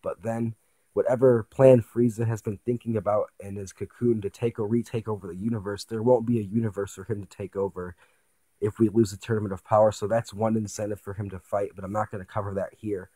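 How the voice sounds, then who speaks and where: A man's voice: lowish voice, flat delivery, a little fast, mellow, no room sound. A man hosting an anime commentary channel, talking through an episode preview casually and thinking aloud in rhetorical questions.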